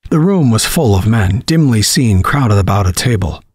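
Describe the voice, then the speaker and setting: A man narrating a horror story, reading in a measured, dramatic way. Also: on the low side, lively intonation, darkish tone, slightly rough, no echo, studio quality.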